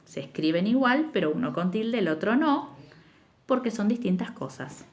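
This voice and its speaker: Young woman teacher, animated patient delivery for a remote class. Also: mid-range voice, dull audio. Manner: slow, emphatic spelling-out of words for children. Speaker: primary school teacher. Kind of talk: recorded remote lesson, explaining exercises.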